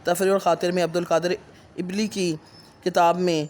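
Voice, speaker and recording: A man with a high voice delivers a storytelling sermon, switching quickly between the people of his tale as he recounts their exchanges. His pitch stays fairly level, with little rise and fall, so the telling has a steady, insistent drive. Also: a little hiss or hum. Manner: narrates a miracle tale, acting out dialogue in quick turns. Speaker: preacher.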